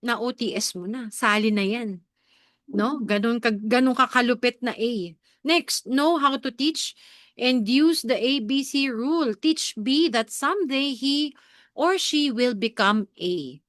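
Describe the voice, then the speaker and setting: A woman's voice: fairly high pitch, takes it slowly, a bit bright, dry recording, studio quality. A woman with a Filipino accent giving a network marketing training talk live, mixing in English and asking her listeners questions, a bit congested from an allergy. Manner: coaching, asks the audience questions often; mixes Tagalog and English.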